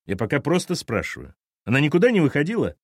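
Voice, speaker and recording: A man voicing a gruff middle-aged police captain who asks blunt questions in an audiobook. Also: a little high, huge pitch swings, fast talker, no echo, clean studio sound, pitched above the performer's own voice. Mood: probing, irritated.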